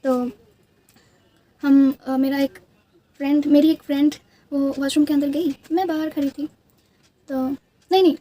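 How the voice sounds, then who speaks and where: A woman's voice: high-pitched, steady tone, measured pace, pauses often, mellow. Chatty young woman with Bengali accent. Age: young adult. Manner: chatty, rambling, many restarts and fillers. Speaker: beauty vlogger. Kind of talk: casual storytelling with makeup.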